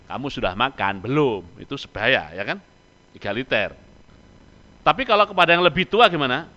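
A man preaching a sermon, quizzing his listeners with rhetorical questions and answering them himself. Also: mid-range voice. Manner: animated, rhetorical questions to the audience. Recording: long hall reverb.

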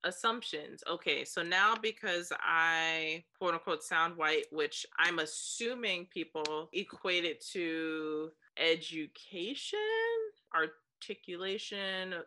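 A woman's voice: fairly low pitch, bright, forceful tone. A woman in her thirties chatting casually as a podcast co-host, reacting and agreeing often. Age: 30s. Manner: reactive, quick to chime in with agreement. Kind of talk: casual chat.

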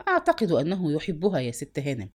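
A woman's voice: sits low, huge pitch swings, fast talker, a little mellow, slightly rough, voice pushed down, heavily acted. A woman voicing a stern male neighborhood chief who talks firmly and scolds, in an audiobook reading. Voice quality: firm, scolding.

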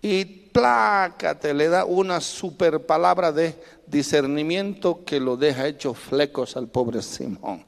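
A male pastor preaching a sermon with forceful emphasis, leading his congregation to repeat words back to him. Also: a little high, measured pace, creaky, hardly any pauses. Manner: emphatic preaching with call-and-response prompts. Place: church. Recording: reverberant church hall.

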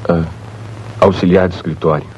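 Actor as timid young office guy, super low voice, muffled old movie audio. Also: steady tone, normal speed, slight background noise, natural voice. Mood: meek. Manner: meek, deferential. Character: submissive young male office employee.

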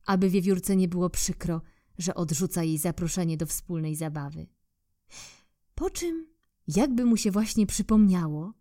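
A woman storyteller reading a children's book aloud in a warm, expressive, unhurried way. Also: on the low side.

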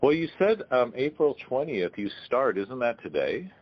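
A man's voice: medium pitch, sing-song, normal speed, dull audio. A man interviewing a guest in a friendly, curious way. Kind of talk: casual interview chat.

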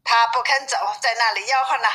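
A woman voicing a clever, boastful male monkey king from a storybook, with quick, cheeky retorts and a tinny phone-like sound. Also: fairly high pitch, steady tone, sharp tone. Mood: sly.

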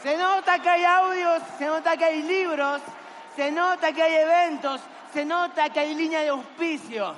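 A man's voice: very high-pitched, moderate pace, a bit bright, in a large hall, some chatter behind, slight background noise. A man giving a motivational talk in an auditorium, coaxing and exhorting the audience with energy. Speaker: motivational seminar speaker.

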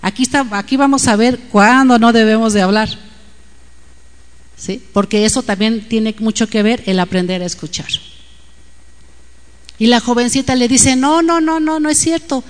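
A woman's voice: on the high side, moderate pace, long pauses, clear, resonant tone, in a large hall. A woman with a Mexican accent giving an informal, confiding devotional talk to women, often checking in with "¿no?". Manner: chatty, confiding, frequent tag questions. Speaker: women's Bible teacher.

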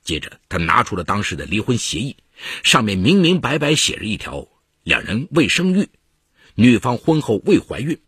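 Low, husky man narrating legal case stories. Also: moderate pace, no room sound, clean studio sound. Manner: dramatic, expressive storytelling.

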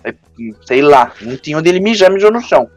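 A man's voice: fairly high pitch, lively intonation, fast, no room sound. A young man with a Brazilian accent hosting a casual podcast chat, telling jokey stories full of slang and laughing often. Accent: Brazilian Portuguese. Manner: joking storyteller, laughs often, heavy slang. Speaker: podcast host.

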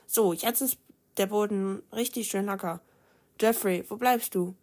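A woman reading a novel aloud, voicing a brisk, bossy teenage girl who talks a little louder. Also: mid-range voice, natural voice.

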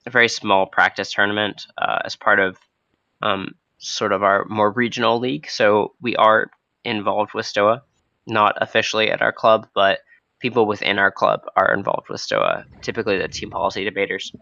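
A young man hosting a casual, spontaneous podcast with a hoarse, froggy voice from a cold, talking in a hesitant, unscripted way. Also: fairly low pitch, normal speed, bright, forceful tone, no room sound. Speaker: podcast host. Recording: dull, lo-fi close recording.

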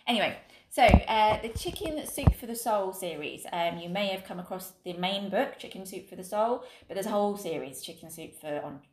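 A woman's voice: medium pitch, lively intonation, normal speed, hardly any pauses, darkish tone, reverberant, a little hiss or hum. An English woman co-hosting a casual chat, talking freely with many ums and easy laughs. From England. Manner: chatty, laughs easily, trails off with ums. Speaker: podcast co-host.

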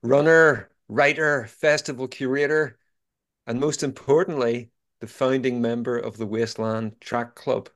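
A man's voice: medium pitch, flat delivery, normal speed. A man co-hosting a podcast, presenting in a casual way. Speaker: podcast co-host. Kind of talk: casual presenting of a running agenda.

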